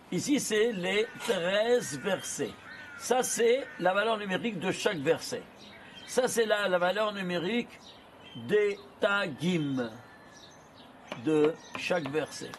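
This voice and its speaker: A man giving an animated lesson, asking questions and answering them himself in rapid bursts. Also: sits high, a little hiss or hum. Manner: animated, asks and answers his own questions. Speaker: Torah teacher. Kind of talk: lively lesson on gematria.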